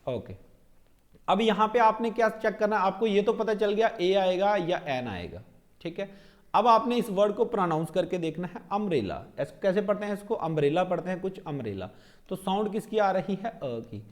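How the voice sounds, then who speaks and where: A young man teaching English grammar for exam prep in mixed Hindi and English, checking in with his students after each point and slowing down to spell out example sentences. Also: high-pitched.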